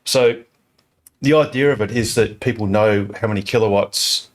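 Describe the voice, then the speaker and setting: A man's voice: lowish voice, moderate pace. A man hosting a casual club chat over a video call, rambling with lots of fillers and restarts. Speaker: club host answering questions. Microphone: video call over satellite internet.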